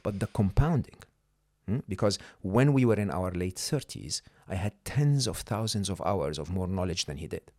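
As a podcast guest offering conversational coaching, a middle-aged man whose first language isn't English speaks emphatically and checks in with "okay?" and "hmm?". His low voice is expressive and darkish at a normal speed, with studio quality and no room sound.

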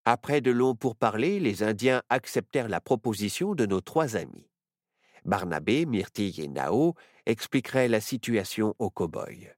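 A storyteller reading a children's adventure story aloud with expressive narration. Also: medium pitch, normal speed, dry recording, clean studio sound.

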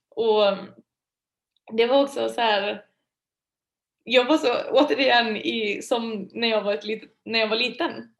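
A woman guest telling a personal story in a lively, chatty way, laughing often and using many fillers. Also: medium pitch. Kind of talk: casual storytelling.

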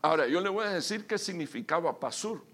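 A male pastor preaching a sermon with emphatic, sudden loud bursts, calling his listeners brother. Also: on the high side, expressive, fast talker.

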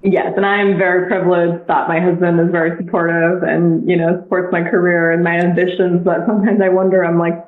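A woman in her thirties talks casually on a podcast, often pausing and restarting her phrases. Her voice comes through a narrow, phone-like line. The room around her sounds echoey. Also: on the low side, little pitch movement. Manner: thoughtful, frequent restarts and fillers. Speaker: guest, bank technology head.

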